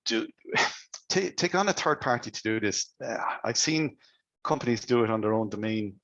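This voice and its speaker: A man's voice: medium pitch, animated, fairly bright tone, no room sound, dull audio. Irish man presenting a webinar. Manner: asks the audience rapid questions with frequent restarts. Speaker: cybersecurity presenter.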